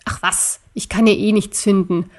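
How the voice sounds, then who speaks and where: A woman voicing Ariel, a small, brave male stuffed-toy elk in a storybook, speaking in a calm, thoughtful way. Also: medium pitch, normal speed, lightly acted.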